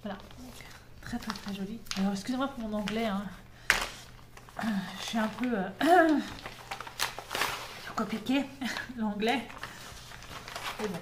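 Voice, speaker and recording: A woman's voice: on the high side, takes it slowly, long pauses, background noise. A woman vlogger chatting at home, enthusiastic and full of hesitations as she shows her craft kits. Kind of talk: casual show-and-tell chat.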